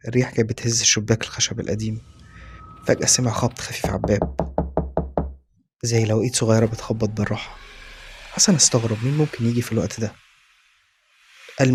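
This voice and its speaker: A man's voice: lowish voice, a little hiss or hum. A man with an Egyptian accent narrating a scripted horror story.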